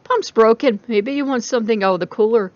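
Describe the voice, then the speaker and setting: A woman's voice: a little high, a little fast, no echo, natural voice. An indifferent young male shop attendant with a blank manner, played by a woman narrator in a dramatic audiobook. The sound is a little dull and lo-fi. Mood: flat, unhelpful. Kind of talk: dramatic audiobook character dialogue.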